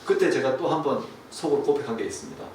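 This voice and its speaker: A man, a pastor, preaching a sermon and telling a story, falling to a hush and then rising again. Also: medium pitch, expressive, fast talker. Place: church sanctuary. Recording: distant, echoey room with faint hiss.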